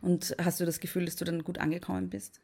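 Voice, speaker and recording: A woman's voice: fairly low pitch, level tone, fast talker, vocal fry, a little mellow, breathy edge. A woman hosting a casual interview, phrasing questions tentatively and checking what she has understood. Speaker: interview host.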